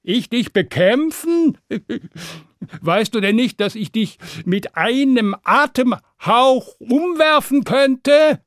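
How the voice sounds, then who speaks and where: Guy doing a scared farmer bragging hard, stammery, pitched way up and loud. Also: lively intonation, slow, no room sound, clean studio sound, full character voice. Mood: bluffing. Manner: blustering, stammering bravado. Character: boastful poor peasant father, bluffing despite fear.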